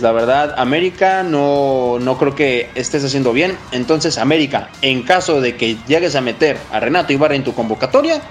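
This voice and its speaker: A man with a Mexican accent hosting a football show, giving casual, blunt opinions in slangy, emphatic speech. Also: fairly high pitch.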